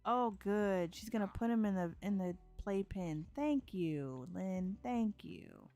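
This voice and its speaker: A woman's voice: medium pitch, expressive, slow pace, warm tone, soft background music. A young woman, chatting casually while she plays a life-simulation game and laughs often. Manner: chatty, laughs often, voices characters in asides. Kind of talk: casual let's-play commentary.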